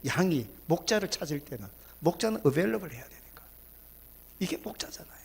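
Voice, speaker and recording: A male pastor, preaching a sermon, swinging between loud exclamations and hushed whispers. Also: on the high side, big pitch swings, a little fast, vocal fry, husky.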